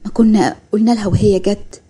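Woman voicing a doting mother, Egyptian Arabic accent, fussing, fast, warm, husky, storybook character. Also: mid-range voice, steady tone. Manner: fussing, affectionate questions. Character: doting Egyptian mother fussing over her returned son.

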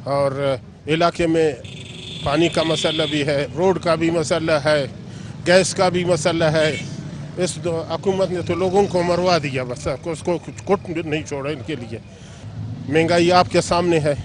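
A man's voice: a little high, slight background noise. A man, a local resident bitterly listing grievances about prices and government in a street interview. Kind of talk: vox pop complaint.

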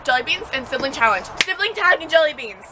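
A woman's voice: high-pitched, very animated, fast talker. A teenage girl chatting casually with friends as she takes part in a challenge video outdoors. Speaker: challenge participant. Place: outdoor wooden deck by woods. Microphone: camera a few feet away. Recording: very noisy outdoor camera recording.

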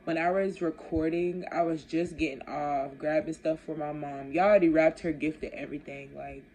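A young woman vlogger chats casually to camera in her bedroom, laid-back and slangy, with a phone held at arm's length. Her voice is low and dark, her intonation fairly even, and she talks at normal speed.

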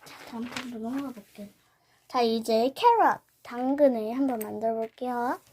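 A woman's voice: on the high side, moderate pace, dark tone, slight background noise. A young girl hosting her channel, narrating a toy build step by step with cheerful ta-da calls. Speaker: channel host.

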